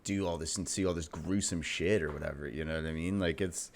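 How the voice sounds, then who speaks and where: A man's voice: rumbling low, fairly even intonation, a little fast, gravelly, slight background noise. A young man co-hosting a podcast, rambling in casual chat, full of fillers and swearing. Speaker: podcast co-host.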